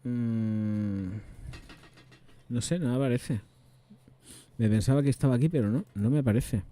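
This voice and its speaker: A man's voice: medium pitch, measured pace, warm tone. A man from reviewing perfumes in casual chat, thinking aloud and trailing off as he looks things up. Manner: chatty, thinks aloud, trails off searching notes.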